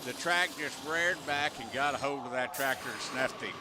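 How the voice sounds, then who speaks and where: A man's voice: mid-range voice, moderate pace. A man calling a tractor pull as an announcer, in a folksy, colloquial way with clipped phrases. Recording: loud engine and vehicle noise. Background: roaring engines, outdoor vehicle noise.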